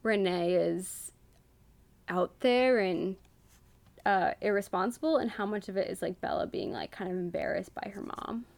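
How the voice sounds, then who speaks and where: A woman's voice: mid-range voice, animated, normal speed, gravelly, darkish tone, dry recording. Young woman, casual book chat, giggly, reads quotes aloud, dry close recording. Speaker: podcast co-host.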